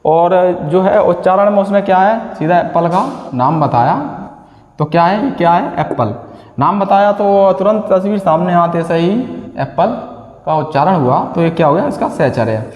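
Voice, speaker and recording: A man's voice: high-pitched, normal speed, a little mellow. A male teacher giving an exam-prep lecture, often asking a question and then answering it himself with a repeated key word. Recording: echoey room with long reverb.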